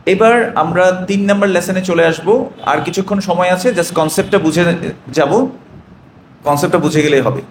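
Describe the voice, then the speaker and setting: A man's voice: sits high, moderate pace, echoey room, slight background noise. A man with a Bangladeshi Bengali accent teaching an Arabic grammar class, asking questions and answering them himself.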